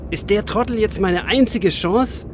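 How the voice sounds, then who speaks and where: A man's voice: sits high, a little slow, noisy background. A man playing a desperate, flustered everyman who stammers while hunting for beer.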